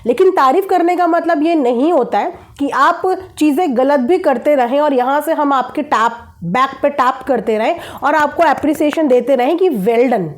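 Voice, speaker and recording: A woman's voice: sits high, normal speed, hardly any pauses. A woman hosting a reaction channel, talking straight to camera in a casual, insistent way and repeating her points. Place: indoors at night.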